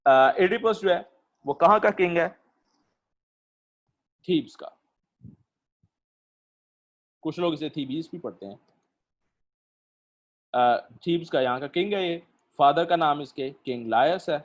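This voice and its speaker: Teaching literature over the internet, this man takes his time, pausing often, using fillers, and directing questions to the class. His pitch is fairly high.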